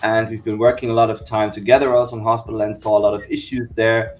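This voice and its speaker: A man's voice: on the low side, fast talker, faint music behind. A man from Germany, a company founder, explaining his work steadily in a podcast interview. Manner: steady explanatory, repeats "we said okay".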